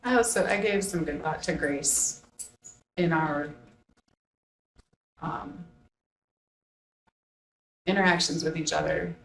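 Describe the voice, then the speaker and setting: A woman's voice: low-pitched, takes it slowly, gravelly, long pauses. A woman board member speaking candidly in a meeting, with jokey asides. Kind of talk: meeting discussion. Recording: roomy, mic at a distance.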